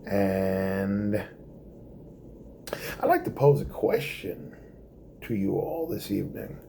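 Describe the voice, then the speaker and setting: Male stand-up comic, unhurried and animated delivery, faint background noise. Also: low-pitched, vocal fry. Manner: theatrical, slows for effect and drops to hushed asides. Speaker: stand-up comedian. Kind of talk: stand-up monologue.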